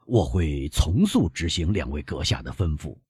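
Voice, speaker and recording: A man reading aloud, voicing an older male innkeeper who haggles and flatters his guests. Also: extremely low pitch, normal speed, husky, no room sound, studio quality, exaggerated voice. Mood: insistent.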